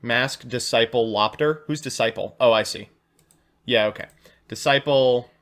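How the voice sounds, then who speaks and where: A man streaming a card game, chatting casually, reading chat aloud and getting excited. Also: mid-range voice, unhurried. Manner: excitable, chatty, reads chat aloud and laughs at his own jokes. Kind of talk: casual live-stream commentary while playing a card game.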